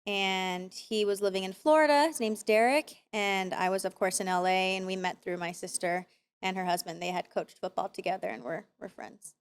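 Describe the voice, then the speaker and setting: A woman in her thirties from Arizona, speaking as a podcast guest in a relaxed conversation. She is candid and reflective, and her talk keeps returning to faith. Her voice sits at an ordinary middle pitch. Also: normal speed, smooth. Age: 30s. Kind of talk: casual conversation.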